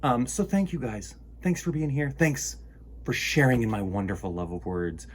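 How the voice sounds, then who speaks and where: With lively intonation and a moderate pace, a medium-pitched man reads aloud and chats expressively to children at storytime, cheering them on enthusiastically. A little hiss or hum is audible.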